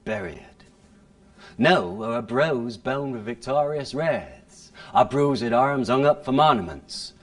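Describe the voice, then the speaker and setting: A man's voice: medium pitch, creaky, heavily acted. Richard III as a man plays him, original pronunciation. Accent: Shakespearean original pronunciation. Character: bitter, scheming misshapen male king. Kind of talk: Shakespearean stage monologue.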